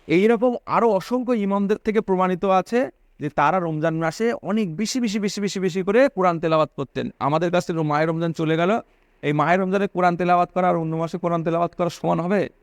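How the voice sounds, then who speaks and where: A man's voice: sits high, fairly quick, no echo. A man giving a religious sermon, repeating phrases for emphasis and asking his listeners questions. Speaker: preacher.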